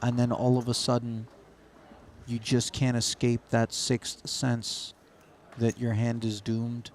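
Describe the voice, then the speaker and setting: A man commentates live on poker with a creaky, gravelly edge to his voice. His phrasing is wordy and florid. Faint noise and ambience sit behind him. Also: mid-range voice, completely flat delivery, slow, darkish tone.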